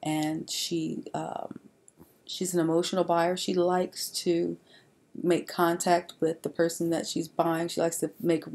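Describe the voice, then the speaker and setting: A woman's voice: lowish voice, monotone, a little slow, darkish tone. A woman narrating a slide presentation in an informal way, with frequent fillers and restarts. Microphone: voice-over on slides.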